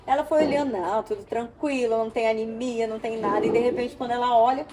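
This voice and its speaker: A woman from Brazil, an interview guest, telling an emotional personal story with animated storytelling and acted-out dialogue. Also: fairly high pitch, fast, a little hiss or hum.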